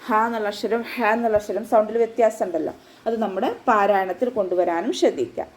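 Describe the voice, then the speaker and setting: A woman's voice: medium pitch, fast, poor audio. A woman Quran teacher giving a patient, step-by-step tajweed lesson, often checking that her students follow. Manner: patient step-by-step instruction, with frequent checks for understanding.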